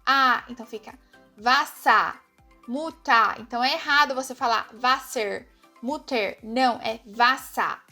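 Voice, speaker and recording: A high, bright-voiced Brazilian woman gives an online language lesson. She explains patiently, often checks in with quick tag questions, and slows down to repeat example words. Soft music plays faintly underneath. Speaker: German teacher.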